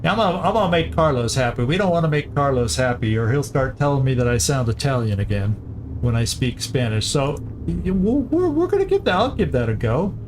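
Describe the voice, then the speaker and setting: A man commentates a strategy game in a casual let's-play, thinking aloud and restarting hesitantly as he works out each move. His mid-range voice is sing-song and brisk. Game music plays behind him on a rough recording.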